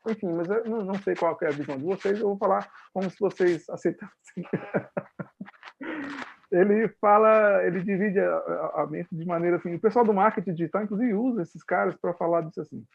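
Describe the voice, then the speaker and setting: This guest lecturer on leadership, a man with a Brazilian Portuguese accent, speaks in a high, brisk, gravelly voice to medical students in a conversational online lecture. He explains through acted-out examples and puts questions to his listeners. The audio is dull, with a little hiss or hum.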